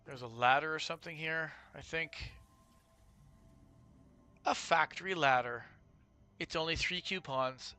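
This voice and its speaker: Bright-voiced man thinking aloud. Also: fairly high pitch, unhurried, long pauses, clean tone. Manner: thinks aloud with fillers and restarts. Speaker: streamer. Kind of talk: casual gameplay commentary.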